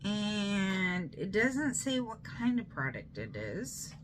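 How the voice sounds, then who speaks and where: A woman's voice: mid-range voice, very animated, slow, slight background noise. A tipsy woman, rambling loosely and playfully through a casual makeup unboxing vlog. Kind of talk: casual rambling product show-and-tell.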